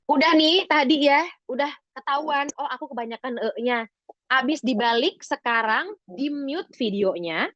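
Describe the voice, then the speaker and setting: A woman public speaking trainer leading a webinar lesson, expressive and lively as she demonstrates techniques. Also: on the high side, dry recording. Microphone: video call. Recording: dull lo-fi video call audio.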